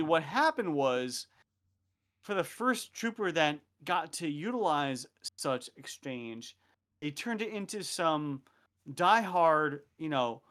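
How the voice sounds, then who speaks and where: A man telling a story in casual chat, animated and swearing freely. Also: on the high side. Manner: animated, profane, laughing storyteller. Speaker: podcast guest recounting field exercise.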